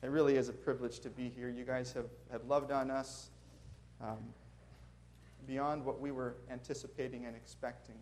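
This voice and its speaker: Preaching to a congregation in a church sanctuary, this Minnesotan guest preacher weaves prayer and storytelling into his sermon. His delivery is flat and moderately paced in a mid-range, darkish voice, yet earnest and friendly with chuckling asides, and there's slight background noise.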